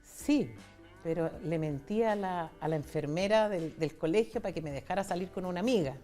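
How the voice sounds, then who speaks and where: As an interview guest, a foundation founder from Chile in her sixties tells personal stories in a candid, chatty way, speaking Chilean Spanish and recounting conversations. She talks fairly quickly in a fairly low voice, with music playing in the background.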